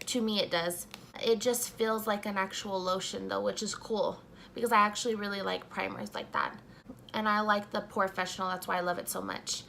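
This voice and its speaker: A young woman doing a casual makeup review at home, talking softly and a little sleepily as she applies primer. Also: mid-range voice, fairly even intonation, fairly quick, gravelly, slight background noise. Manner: soft-spoken, just woken up. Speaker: beauty vlogger.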